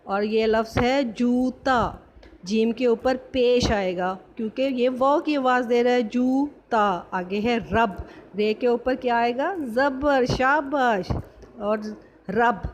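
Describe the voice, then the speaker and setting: A woman teaching a primary school language lesson, spelling words slowly sound by sound and quizzing her pupils. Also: fairly high pitch, highs cut off, slight background noise. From Pakistan. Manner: slow, syllable-by-syllable spelling with quiz questions. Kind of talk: recorded classroom lesson.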